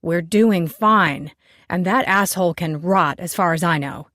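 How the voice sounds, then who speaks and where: A woman reading an angry male bar co-owner, shouting slowly and forcefully. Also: on the low side, no room sound, clean studio sound. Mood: snarling.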